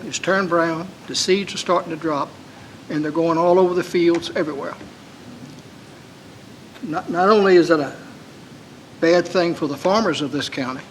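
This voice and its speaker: A man's voice: fairly high pitch, a bit bright, slight background noise, low-quality recording. A man, a county supervisor pressing his point at a public meeting in an earnest, folksy way.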